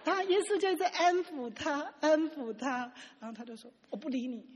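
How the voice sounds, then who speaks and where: High, husky woman preaching in a hall. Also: brisk. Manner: lively storytelling, acting out quoted dialogue. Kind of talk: sermon. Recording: long hall reverb.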